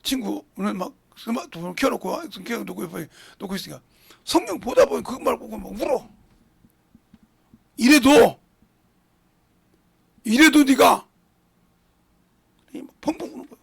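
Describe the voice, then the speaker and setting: Pastor, male. Raspy, husky voice, fairly high; blunt, scolding sermon delivery. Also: animated, measured pace, long pauses. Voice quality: gravelly, husky voice. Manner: blunt, scolding, with acted-out quotes and big swings in loudness. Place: church sanctuary.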